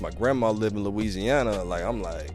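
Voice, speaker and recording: A male podcast host with a fairly low voice asks questions easily and keeps affirming his guest. Faint music sits under the conversation. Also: moderate pace. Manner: easygoing, affirming, says "man" a lot. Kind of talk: casual podcast interview.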